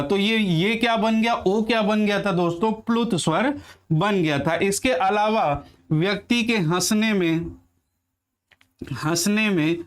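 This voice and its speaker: A man with a high voice teaches Hindi grammar in a lesson. He poses questions to his students and answers them himself, and he dictates definitions slowly, word by word, as he writes. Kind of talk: classroom-style grammar lesson.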